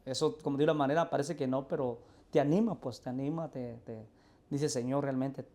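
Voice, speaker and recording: A man's voice: mid-range voice, steady tone, fairly quick, dark tone. A male pastor, telling his testimony earnestly and acting out the voices in his story. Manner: earnest storyteller, acts out quoted dialogue.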